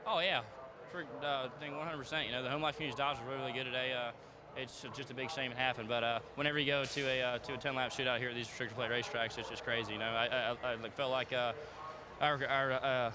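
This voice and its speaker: A nineteen-year-old man, a racing driver, speaking plainly and haltingly in an unscripted trackside interview. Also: mid-range voice, fairly even intonation. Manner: halting, repetitive, plain-spoken. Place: outdoors at a racetrack. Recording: crowd and vehicle noise behind.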